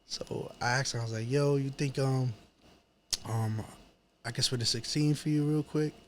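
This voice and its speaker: In an apartment, a rapper from New York City tells stories as an interview guest, casual and slangy with repetitive phrasing and a New York accent. His medium-pitched voice moves at a moderate pace with fairly even intonation, and a little hiss or hum is audible.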